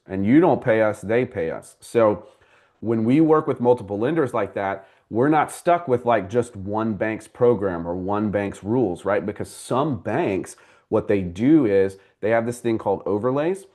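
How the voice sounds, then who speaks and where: A man with a fairly low voice leads a live class on buying a home. He works through audience questions one by one in a relaxed, conversational way, calling people by name as he explains. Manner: conversational, explains step by step and addresses viewers by name. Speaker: mortgage broker and class host.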